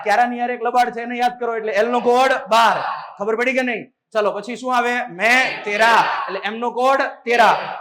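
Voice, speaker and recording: A male teacher giving a lively classroom lecture, drilling the class with call-and-response questions and often calling out to the students. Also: very high voice.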